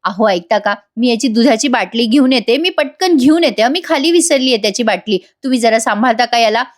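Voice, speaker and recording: A woman's voice: on the high side, lively intonation, a little fast, lightly acted. A woman voicing an affectionate young wife who talks in a teasing way.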